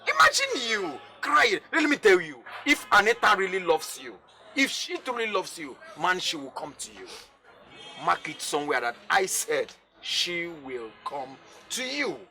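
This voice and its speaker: Nigerianischen Freund, belehrend, hohe, kratzige Stimme, Musik darunter. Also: male voice, high voice, normal speed, full character voice. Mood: chiding. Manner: lecturing, animated. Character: blunt young man consoling his crying friend. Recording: background music.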